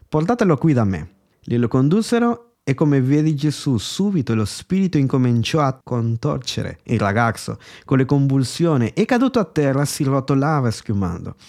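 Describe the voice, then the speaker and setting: A man's voice: medium pitch, a little mellow. A man preaching a sermon, reading verses aloud and firing rhetorical questions at his listeners. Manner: expounds scripture passionately, asks rhetorical questions; addresses listeners directly, reads verses aloud.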